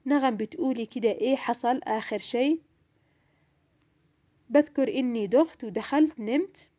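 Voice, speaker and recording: A woman's voice: fairly high pitch, moderate pace, mellow, lo-fi sound. A young woman narrating her own painful story in the first person, in an emotional, plaintive way. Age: young adult.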